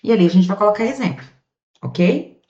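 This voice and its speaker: Lively Brazilian woman teaching grammar. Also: mid-range voice. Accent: Brazilian Portuguese. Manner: lively, chatty, drawn-out stressed words. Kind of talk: online grammar lesson. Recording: muffled, echoey room.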